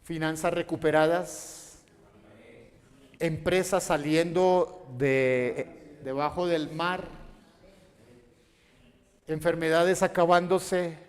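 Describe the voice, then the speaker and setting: A pastor preaching to his congregation in a high voice, at an unhurried pace. He poses questions for the crowd to answer and builds up to loud, urgent cries. His voice rings through a church hall with a long reverb. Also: fairly even intonation. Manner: preaching with call-and-response questions, rising to shouts. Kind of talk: sermon.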